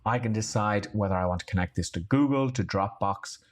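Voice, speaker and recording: A man hosting a weekly online show, giving an upbeat, chatty software review. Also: lowish voice, brisk.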